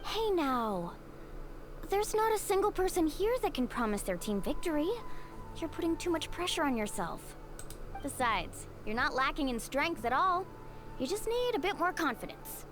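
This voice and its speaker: A woman voicing a bright, encouraging young woman in a video game, reassuring and upbeat. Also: high voice, big pitch swings, moderate pace, background noise.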